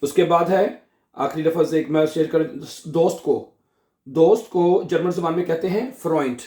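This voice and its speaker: Slow, patient language teacher, a man. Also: a little high, mellow, echoey room. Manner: slow, repeats each word several times as a drill. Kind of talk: vocabulary lesson explained in Urdu.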